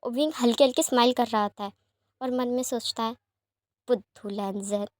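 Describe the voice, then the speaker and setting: A woman narrating a romance fan fiction story aloud in a plain, even manner. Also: on the high side, fast, dry recording.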